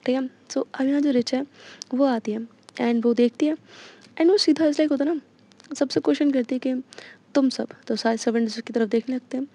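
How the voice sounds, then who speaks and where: A woman's voice: high-pitched, moderate pace, warm tone. A young woman casually retelling an audio story, chatty and full of fillers, in a dull lo-fi recording.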